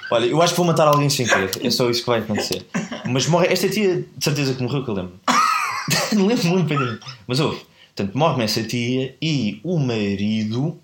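A man's voice: mid-range voice, lively intonation, fairly quick, reverberant, noisy background. Rambling man with a European Portuguese accent. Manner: rambling, self-correcting, laughs at own mix-ups. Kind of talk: casual chat, storytelling.

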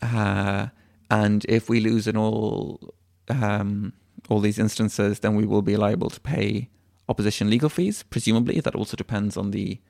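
A man answers questions as an activist guest in an interview. His voice is lowish with a lot of vocal fry, and he explains things in a measured, hesitant way. The recording is dry. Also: steady tone, darkish tone, no echo.

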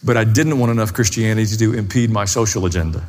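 A pastor with a lowish, slightly mellow voice preaches quickly. He is emphatic and speaks plainly, repeating short phrases for stress. Faint music and the reverb of a long hall surround him.

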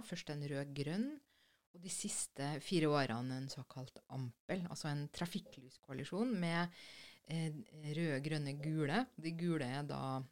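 A woman co-hosting a conversational podcast, explaining things thoughtfully with frequent hesitations. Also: deep voice. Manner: thoughtful, hesitant with many fillers. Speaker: podcast co-host.

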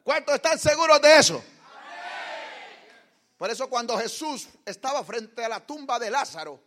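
A man's voice: very high-pitched, sing-song, normal speed, fairly bright tone, a faint crowd, a little hiss or hum. A man preaching a fervent sermon full of emphatic rhetorical questions.

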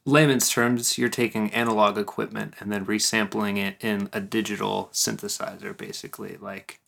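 An American man hosting a podcast in a laid-back, slangy way, with a smooth, sultry DJ-style voice. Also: fairly low pitch, level tone, moderate pace, fairly bright tone, no room sound. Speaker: podcast host. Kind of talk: casual podcast talk and interview.

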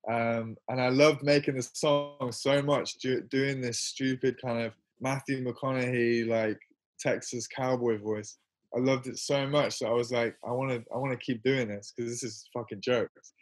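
A young man chatting as an interview guest, rambling and self-mocking, laughing often as he talks. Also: mid-range voice. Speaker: interview guest, musician and filmmaker. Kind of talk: casual interview chat.

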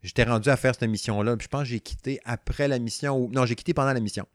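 A young man with a Quebec French accent talks fast, at a medium pitch, about a game he's reviewing. He rambles excitedly, full of slang and restarts, in casual gaming chat. The recording is very dry and close-miked with no room sound.

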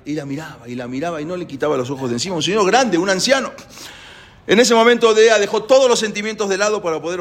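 A man telling a story aloud, hesitant and often correcting himself. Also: fairly high pitch. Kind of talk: spoken storytelling.

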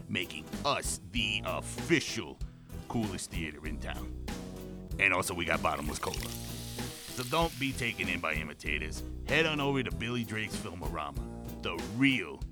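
A man playing a folksy, competitive movie-theater owner in a parody local advert. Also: deep voice.

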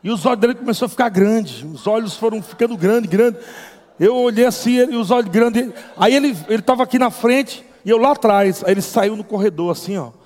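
A man telling a lively testimony as a preacher, acting out voices and laughing often. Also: high-pitched, a little fast. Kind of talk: testimony sermon storytelling. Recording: long hall reverb.

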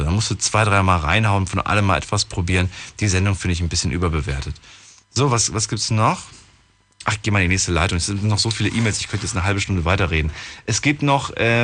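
A man's voice: on the low side, fairly bright tone. A young man hosting a casual radio call-in show, reading listener emails aloud and chatting with callers.

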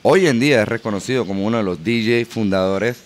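A Panamanian man who speaks Spanish with a Panamanian accent appears as a guest DJ in a casual interview, animatedly telling stories and mixing in English words. His voice is fairly low, and he talks fast.

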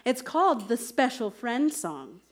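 Woman as fussy cheerful nanny, lively sing-song voice, radio comedy. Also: on the high side, a little slow. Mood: upbeat. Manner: sing-song, overly upbeat. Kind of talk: live comedy radio play.

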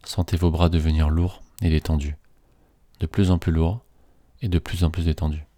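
Man, relaxation guide, soothing measured delivery, mellow dark tone, dry close sound. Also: rumbling low, little pitch movement, dry recording.

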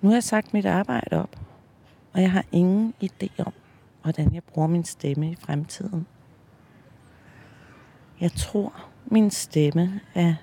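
A woman's voice: lowish voice, vocal fry, mellow, slightly rough. A middle-aged woman from Denmark hosting a personal audio diary, hesitant and self-deprecating, with many fillers, recorded on a handheld mic that pops. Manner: slow, reflective voice-over narration. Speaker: podcast host. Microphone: handheld mic that pops on P sounds.

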